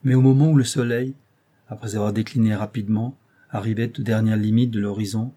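A man narrating an old French tale as an audiobook, in a measured, expressive storytelling manner. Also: fairly low pitch. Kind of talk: audiobook reading of a classic story.

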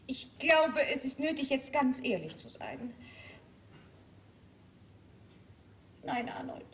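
A sincere young wife, gentle and soft-spoken. Her voice is high. It is heard from a distance on a stage recording with faint noise. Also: animated, unhurried. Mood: earnest. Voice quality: earnest, soft-spoken, sometimes whispering. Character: young wife, earnest and torn, leaving her husband. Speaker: Elizabeth. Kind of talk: 1980s stage play recording.

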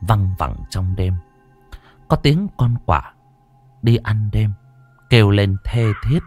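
A man's voice: on the low side, animated, slow, darkish tone, soft background music. A man narrating a scripted ghost story with dramatic, heavily inflected delivery.

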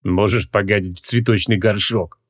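A man voicing an arrogant ancient male mage who talks in a low, dry, dismissive drawl. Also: steady tone, normal speed, close to an everyday voice.

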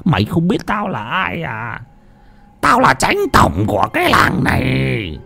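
A man doing a gruff slurring old village tyrant. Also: medium pitch, wildly swooping pitch, measured pace, pushed and bright, faint music behind, voice pushed up, heavily acted. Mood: menacing. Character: lecherous old potbellied village chief, brutal.

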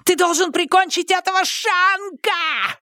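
A deranged young man shrieks in a piercing, bright falsetto, words tumbling out in a frenzy. The voice sits far above a normal man's range and sounds strained and wild. The recording is close and dry. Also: unhurried, dry recording, heavily acted. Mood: frenzied. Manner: shrill screeching falsetto.

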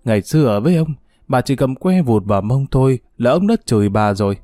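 A man's voice: medium pitch, animated, fairly quick, warm tone, dry recording, clean studio sound, close to an everyday voice. A man voicing a frail, sick old grandmother who scolds and grieves between coughs. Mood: grieving.

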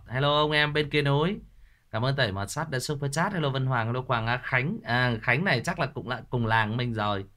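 A man's voice: medium pitch, a bit bright. Joking male livestream host. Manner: joking, teasing banter. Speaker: livestream host reading ghost stories. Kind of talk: casual livestream chat greeting viewers.

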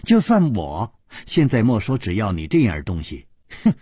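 A storyteller voicing a cheeky young male servant who teases and speaks in sly, low asides. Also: huge pitch swings, normal speed, slightly rough, no echo, clean studio sound, exaggerated voice. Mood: smug. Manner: teasing, sly, soft asides.

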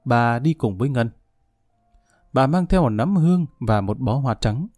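A man calmly narrating a dramatic social story, reading slowly and steadily and lightly voicing the characters he quotes. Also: mid-range voice, no room sound, clean studio sound, faint music behind.

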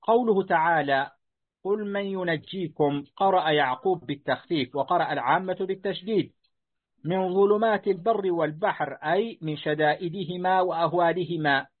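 A man's voice: sits high, moderate pace. A man reading a classical text aloud to his teacher, answering his corrections politely and respectfully. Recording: tinny phone-like line.

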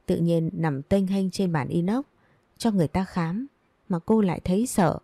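A woman narrating a dramatic audiobook story in a steady way. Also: fairly low pitch, moderate pace, no room sound.

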